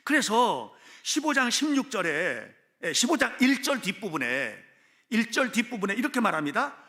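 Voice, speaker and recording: Animated high-voiced male pastor preaching. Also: moderate pace. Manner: animated preaching, addressing the congregation directly, rising to shouts. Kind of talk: sermon. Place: church sanctuary with a gathered congregation.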